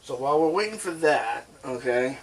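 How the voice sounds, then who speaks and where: A man's voice: mid-range voice, lively intonation, normal speed, slight background noise. A man hosting a casual cooking vlog from his kitchen, joking and rambling as he adds ingredients step by step. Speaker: cooking channel host. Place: home kitchen.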